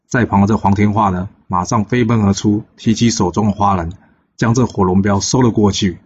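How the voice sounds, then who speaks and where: A man telling a classic tale in a casual, chatty way, with frequent filler pauses, on a dull lo-fi recording. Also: fairly low pitch, steady tone, a little mellow, husky. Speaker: storyteller. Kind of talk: casual oral storytelling.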